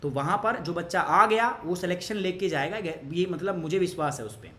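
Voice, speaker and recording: A man's voice: sits high, moderate pace, pushed and bright, echoey room. A young man teaching an online exam-prep class, chatty and pushy, mixing Hindi with English and asking the class questions as he goes. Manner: pushy, motivational asides to students.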